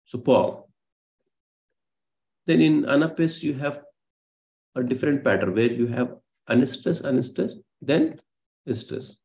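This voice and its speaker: A man's voice: medium pitch, slow pace, pauses often, darkish tone. A male lecturer on a live online class, explaining patiently with many fillers and self-corrections over a video call.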